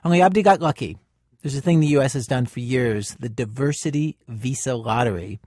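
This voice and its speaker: A man hosting a radio show, reading scripted narration in a measured, conversational way. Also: medium pitch, a little mellow, dry recording, studio quality. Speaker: radio host.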